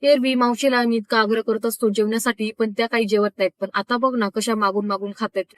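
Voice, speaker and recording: A woman's voice: fairly high pitch, fairly even intonation, fast talker, dry recording, natural voice. A woman voicing a cheerful, welcoming middle-aged uncle with a jovial manner.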